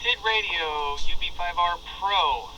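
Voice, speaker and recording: A man's voice: high-pitched, a little slow. A man calling out a radio test, heard over a walkie-talkie. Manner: plain, announcing test calls. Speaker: radio tester. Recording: muffled lo-fi radio, background noise.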